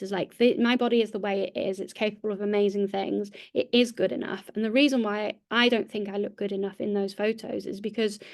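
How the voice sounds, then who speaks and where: Chatty, reflective woman on a podcast. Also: medium pitch. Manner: reflective, chatty, restarts often. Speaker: podcast guest and interviewer. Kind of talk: podcast interview conversation.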